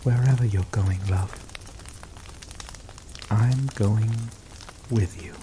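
A young man with a voice on the low side plays an obsessive, possessive male lover in an ASMR roleplay. He speaks slowly and softly, dwelling on words with dark chuckles, in a mood both obsessive and tender. Steady rain falls behind his voice throughout the recording.

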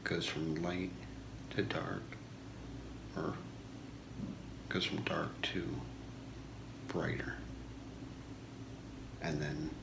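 Low, creaky man in an ASMR role-play. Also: flat delivery. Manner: soft-spoken, slow, deliberate product pitch. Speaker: shopping channel host in a role-play. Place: small home room, indoors. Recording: echoey room with clear background noise.

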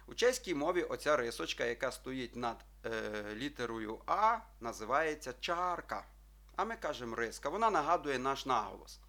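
A man teaching a video language lesson, calling his listeners friends, checking in with them often and drawing out his example words slowly. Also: medium pitch, bright, forceful tone. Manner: addresses listeners as friends, checks with frequent "так?"; slow, drawn-out model pronunciations.

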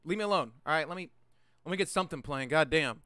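A man livestreaming in casual chat, excitable and swearing freely as he talks to his chat. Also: fairly high pitch, quick pace, no room sound, clean studio sound.

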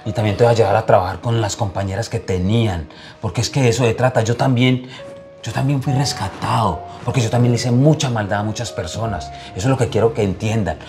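A man's voice: lowish voice, fast talker, music in the background. A man acting in a scripted short drama, insistent and pleading.

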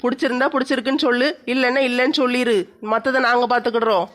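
A woman's voice: fairly high pitch, steady tone, racing, fairly bright tone, lightly acted. A woman playing a tall, bossy, newly married village woman in a comic skit, teasing and coaxing. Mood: reassuring.

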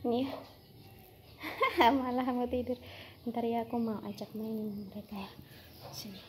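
A woman's voice: on the high side, steady tone, measured pace, noisy background. A woman vlogging outdoors with her pet squirrels, coaxing them in a giggly, sing-song voice and calling their names over and over. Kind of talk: casual vlog, coaxing pets. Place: outdoors by a tree in the morning.

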